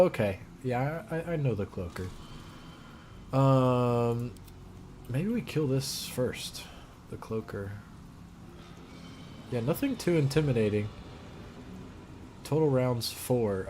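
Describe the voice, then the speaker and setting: A man's voice: medium pitch, expressive, slow pace, pauses often, mellow, a little hiss or hum. A man casually commentating his gameplay, thinking aloud and muttering his plans as he goes. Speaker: gamer.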